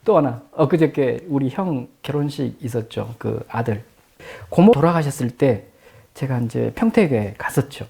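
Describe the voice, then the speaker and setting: A middle-aged man preaching a sermon as a pastor, telling stories and acting out the people in them, moving from hushed lines to loud exclaiming. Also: mid-range voice, normal speed, vocal fry. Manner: lively, acts out dialogue, swings from hushed to loud exclaiming. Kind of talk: sermon with told anecdotes.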